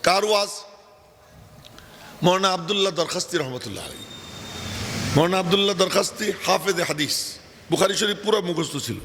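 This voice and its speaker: A man's voice: high voice, animated, brisk, pauses often, a bit bright. An older man, preaching an open-air sermon to a crowd, chatty and teasing with asides. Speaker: preacher at a religious gathering. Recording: long hall echo, faint ambient noise.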